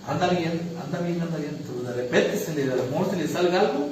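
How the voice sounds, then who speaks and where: A man's voice: fairly high pitch, lively intonation, fast, a little mellow, slight background noise. A man preaching a sermon, emphatic, often checking whether listeners follow. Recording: echoey room, distant mic.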